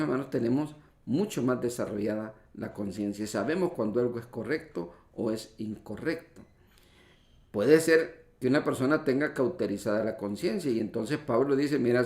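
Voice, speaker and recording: A man's voice: medium pitch, darkish tone. Echoey male preacher, teaching tone. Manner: teacherly, explains word meanings and spelling rules; addresses listeners often as brothers. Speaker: pastor. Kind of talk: sermon. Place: church hall. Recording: echoey church livestream.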